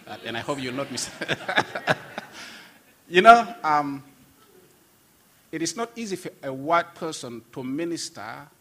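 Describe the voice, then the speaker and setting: A man's voice: fairly high pitch, sing-song, slow, pauses often, bright, forceful tone. A man from Sudan, a pastor giving an earnest, emphatic testimony with frequent restarts. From South Sudan. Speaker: pastor and guest. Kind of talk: testimony in conversation.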